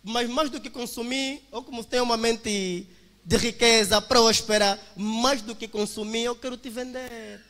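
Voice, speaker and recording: A twenty-something man with an Angolan Portuguese accent gives an emphatic testimony to a congregation, addressing them as brothers like a preacher. His very high, fairly bright voice holds a steady tone at an unhurried pace, in a big-room sound.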